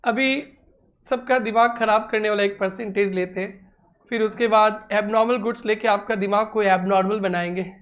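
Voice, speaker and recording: A man's voice: sits high, fairly even intonation, normal speed, fairly bright tone, muffled recording. A man teaching an accounting class to students in a classroom, coaxing answers and repeating prompts. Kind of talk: classroom lecture.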